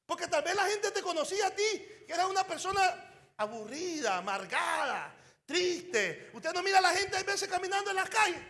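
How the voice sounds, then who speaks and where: A man preaching a fervent sermon as an evangelist at a conference, often shouting and calling out to the crowd. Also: very high voice, lively intonation, normal speed, big-room sound. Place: conference hall.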